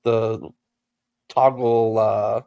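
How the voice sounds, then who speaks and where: A man's voice: lowish voice, little pitch movement, extremely slow, gravelly, mellow, no echo, muffled recording. A young man co-hosting a casual podcast chat, jokey and rambling, often trailing off mid-thought. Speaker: podcast co-host.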